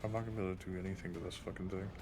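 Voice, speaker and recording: A man's voice: low voice, steady tone, very fast, a little mellow, soft background music. A man playing a character in a tabletop game, casually stating his moves and swearing now and then. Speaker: player.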